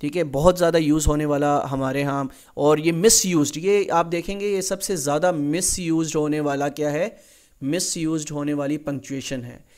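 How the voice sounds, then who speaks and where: Man teaching grammar, slightly high. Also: steady tone, a little mellow. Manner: slow, deliberate reading of English example sentences, then explains in Urdu-Hindi; repeats "theek hai" often as a check-in. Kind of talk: recorded exam-prep lecture.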